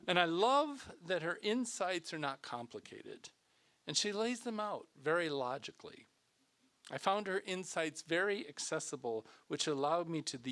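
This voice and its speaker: A man's voice: fairly high pitch, a bit bright. A man minister giving a sermon in a conversational, enthusiastic way, correcting himself now and then as he goes. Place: fellowship sanctuary, also streamed on video call.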